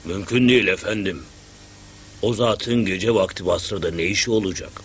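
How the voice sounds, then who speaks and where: An obedient governor's official acted by a man speaks formally and deferentially in a period drama. The voice is fairly low, with a faint hum behind it. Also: normal speed, natural voice. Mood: dutiful.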